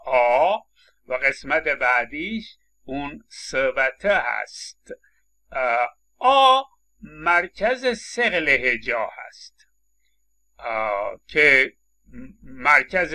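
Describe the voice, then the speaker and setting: Male lecturer, bright tone, Persian accent, stop-start delivery. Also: on the high side. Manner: hesitant, with many drawn-out fillers and pauses. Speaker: linguistics lecturer. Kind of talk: recorded lecture.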